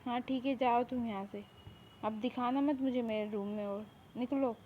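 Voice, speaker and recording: A woman's voice: on the high side, steady tone, normal speed, natural voice. A woman voicing a harsh young male mafia boss who gives orders in a commanding, scolding way, in a fan audio drama. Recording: tinny phone-like recording, faint hiss.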